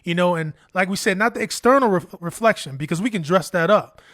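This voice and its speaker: High-voiced man giving earnest relationship advice. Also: a little fast, fairly bright tone, no room sound, studio quality. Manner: earnest, many "you know" fillers. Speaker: podcast co-host.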